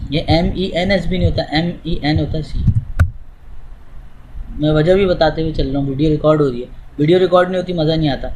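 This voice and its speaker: A man's voice: fairly high pitch, fairly even intonation, fairly quick, a little mellow, a little hiss or hum, poor audio. A man teaching English, explaining step by step in an informal way to a student while demonstrating on screen.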